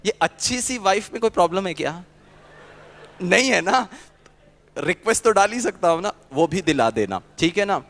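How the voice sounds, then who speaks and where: A man's voice: sits high, animated, moderate pace, a bit bright, long reverb tail. A man giving a motivational spiritual talk. He tells stories animatedly, acts out prayers and dialogues, and repeats key words for emphasis. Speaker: spiritual speaker.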